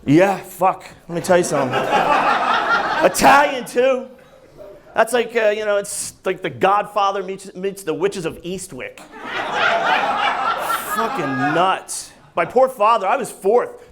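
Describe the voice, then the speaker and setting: Stand-up comic, man, New Jersey accent, high animated voice, loud club crowd behind. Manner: brash, animated, profane, sings and shouts bits. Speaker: stand-up comedian. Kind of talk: stand-up comedy set. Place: comedy club stage before a laughing audience. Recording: live club crowd audible.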